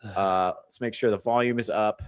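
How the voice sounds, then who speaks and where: A man's voice: fairly low pitch, fairly even intonation, normal speed, smooth, no room sound. A man hosting a comedy podcast, ranting animatedly about clips and swearing freely. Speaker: podcast host.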